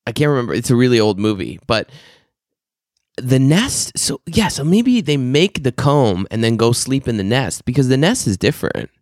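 A man's voice: mid-range voice, sing-song, normal speed, no echo, clean studio sound. A man co-hosting a podcast, rambling and laughing through crude, casual stories. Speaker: podcast co-host. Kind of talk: casual chat.

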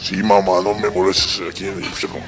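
A man's voice: low-pitched, little pitch movement, fairly quick, over loud music. A man hosting a comedy radio skit in a joking, playful way. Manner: playful, laughing.

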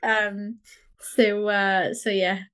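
A woman with a mid-pitched voice chats casually as a co-host. She is wry and understated in the way she responds. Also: little pitch movement, very slow, fairly bright tone, clean tone. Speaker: podcast co-host. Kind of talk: casual chat.

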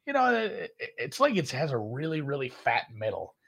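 A man with a Minnesota accent, co-hosting a casual sports podcast in a rambling, animated way with lots of fillers. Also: mid-range voice, moderate pace, vocal fry, slightly rough. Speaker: podcast co-host.

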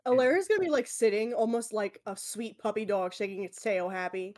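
A woman's voice: medium pitch, fairly quick, a little mellow. A woman playing a tabletop game, chatting casually and role-playing as her character.

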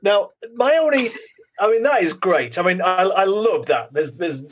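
A man's voice: high-pitched, expressive, moderate pace, dull audio, slight background noise. A man co-hosting a podcast in casual chat, teasing his co-host with wry asides.

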